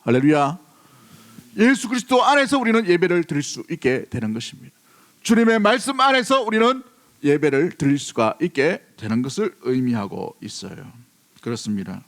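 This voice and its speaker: Preaching with emphasis, this pastor from South Korea speaks in a mid-range voice. He keeps repeating key phrases and posing questions to the congregation.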